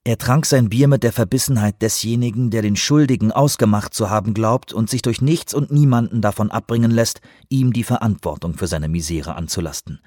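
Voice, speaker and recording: Guy narrating a novel, lowish husky voice, dry close sound. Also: fairly quick, hardly any pauses, darkish tone, no echo. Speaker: audiobook narrator. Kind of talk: scripted narration.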